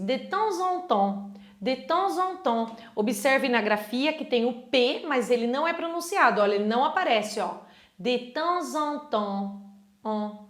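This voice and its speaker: A woman's voice: high voice, reverberant. A woman with a Brazilian Portuguese accent teaching French in a chatty, casual online lesson, often switching into French phrases.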